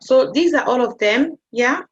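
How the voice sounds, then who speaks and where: A woman's voice: high voice, animated, measured pace, husky, dull audio. A woman maths teacher giving an online lesson, talking hesitantly and often checking in with her students.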